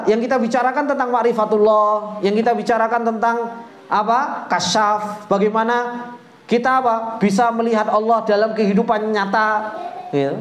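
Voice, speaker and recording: A man giving a religious study lecture, reciting Arabic text slowly and answering his own rhetorical questions, with joking asides. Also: high-pitched. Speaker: Islamic teacher. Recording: echoey room.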